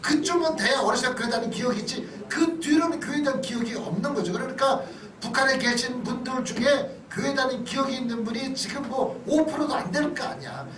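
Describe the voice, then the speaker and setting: A middle-aged pastor gives a conversational, sermon-like lecture in a church hall, often breaking off with short questions to check in with listeners. His voice is extremely high-pitched and brisk, with hardly any pauses. The distant mic picks up room echo, crowd noise, and general background noise.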